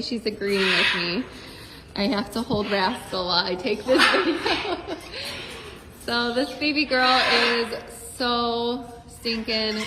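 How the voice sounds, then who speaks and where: A woman chats casually for a pet video in a fairly high voice, cooing affectionately in baby talk. She takes her time over the words. The space rings with echo, and loud noise sits behind her. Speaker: parrot breeder showing pets. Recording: echoing room, loud background noise, clicks.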